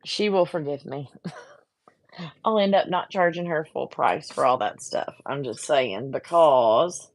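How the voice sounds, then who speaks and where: A woman with a low-pitched voice speaks in an animated but unhurried way, casually chatting to viewers during a craft project. As a craft vlogger, she gets frustrated and talks to herself; the recording is dry.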